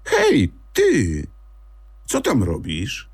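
A man voicing a bored, cheeky young female squirrel in a children's audiobook, with shrill, teasing exclamations. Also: wildly swooping pitch, slow, gravelly, a little mellow, husky, exaggerated voice. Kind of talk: audiobook character voice.

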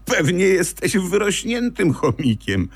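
A man voicing a bored, cheeky young female squirrel in a children's audiobook, with shrill, teasing exclamations. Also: huge pitch swings, takes it slowly, creaky, darkish tone, slightly rough, heavily acted. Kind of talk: audiobook character voice.

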